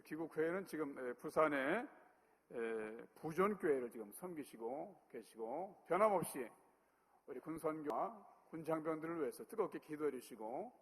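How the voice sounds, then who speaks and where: A man as event host, giving a formal, measured introduction of a guest pastor. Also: on the high side, lively intonation, breathy edge. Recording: long hall reverb.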